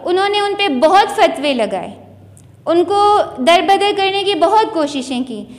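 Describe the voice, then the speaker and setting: A woman's voice: very high-pitched, animated, unhurried. A woman giving an earnest, preachy moral lecture with a Sindhi-region Urdu accent, stressing her key lines. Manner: earnest, preachy, rising emphasis. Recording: long hall reverb.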